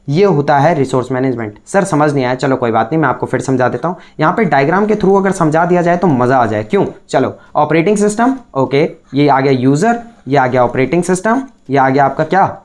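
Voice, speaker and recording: A male teacher giving a recorded lecture, explaining step by step and constantly checking in with the class through rhetorical questions. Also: fairly high pitch. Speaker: computer science teacher.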